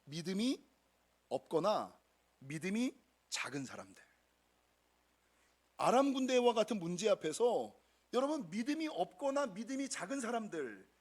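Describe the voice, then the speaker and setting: A middle-aged male pastor preaching a sermon, addressing the congregation directly and acting out quoted voices. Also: very high-pitched. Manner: animated, acts out quoted voices.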